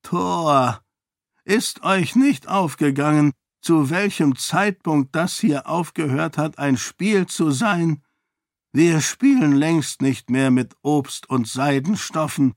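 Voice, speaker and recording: A man's voice: on the high side, slow pace, no echo, clean studio sound, voice pushed up. Man voicing a grave old duke.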